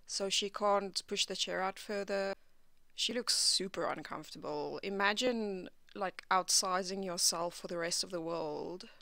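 A woman's voice: mid-range voice, bright, forceful tone, slight background noise. A woman hosting a reaction channel, giving skeptical and critical commentary.

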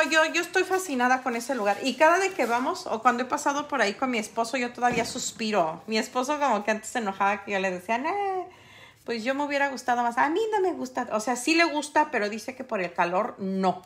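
A woman's voice: on the high side, fairly bright tone. A middle-aged woman, chatting casually with viewers on a livestream while she paints. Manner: chatty, talks straight to viewers. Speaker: artist livestreaming her painting.

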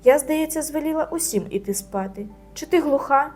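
A woman voicing a strict camp counselor in a storybook reading, scolding loudly. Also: steady tone, fast, faint music behind, lightly acted. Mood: irritated. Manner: scolding, shrill when shouting.

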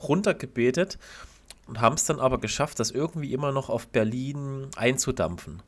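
Relaxed male podcast co-host. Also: mid-range voice, normal speed. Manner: relaxed, agreeable, stumbles over words. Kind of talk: casual chat.

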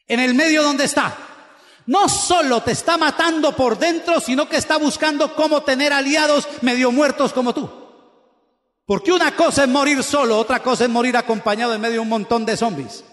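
Man, pastor's sermon, very high voice, fervent and repetitive, echoey church with long reverb. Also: fairly bright tone. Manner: impassioned, exhorting, repeats phrases for emphasis. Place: church sanctuary.

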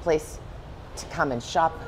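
Female interviewer, 60s, friendly chatty host, lowish voice, lapel mic in a restaurant. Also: slow, noisy background. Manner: friendly, laughs easily, chatty asides. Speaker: magazine interviewer. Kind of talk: casual interview. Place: restaurant booth indoors.

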